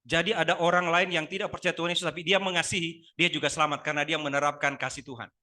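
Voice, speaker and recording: A male pastor preaching a Sunday sermon, talking lively with many rhetorical questions and acted-out prayers and dialogues. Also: on the high side, quick pace. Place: church sanctuary.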